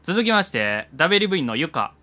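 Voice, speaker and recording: A man's voice: a little high, sing-song, fast, bright, forceful tone. A young man co-hosting a casual talk show, reading out listener mail and chatting about it. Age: young adult.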